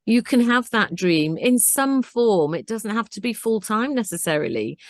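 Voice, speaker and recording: A woman in her sixties from Britain, telling her own story in an interview with earnest, animated storytelling. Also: fairly high pitch, moderate pace, no echo, clean studio sound. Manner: earnest, animated storytelling with acted-out self-talk. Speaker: interview guest. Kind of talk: conversational interview.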